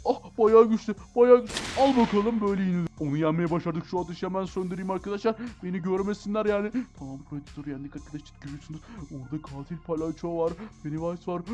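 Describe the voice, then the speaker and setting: Male gaming host, high voice, fast delivery, excitable play-by-play, lots of gasps and asides to viewers. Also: faint music behind. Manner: excitable, keeps calling out to viewers, gasps at scares. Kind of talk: excited Let's Play commentary.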